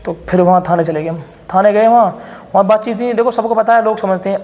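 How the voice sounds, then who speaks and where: A man in an interview telling his side of events in a rapid, insistent storytelling way. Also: sits high, steady tone, a little mellow, in a large hall. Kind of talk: defensive interview account.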